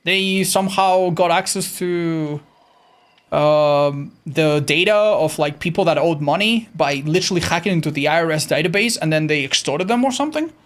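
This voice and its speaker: A man streaming a video game, chatting casually with his viewers in a slightly raspy, tired voice, animated and swearing freely. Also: fairly high pitch, moderate pace. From Andorra. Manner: animated, swearing, answers chat while playing. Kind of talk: casual live-stream chat.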